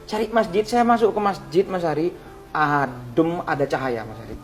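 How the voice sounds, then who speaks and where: A man, a religious teacher, recounting a near-death experience in an interview, his voice swinging between hushed and loud, pleading tones. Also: fairly high pitch, normal speed. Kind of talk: emotional personal storytelling in an interview.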